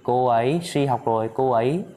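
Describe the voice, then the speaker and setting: A man with a mid-range voice leads a casual spoken lesson in a chatty teaching manner. He drills short phrases by repeating them slowly, and keeps addressing his listeners directly. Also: mid-range voice, dark tone. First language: Vietnamese. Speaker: English teacher.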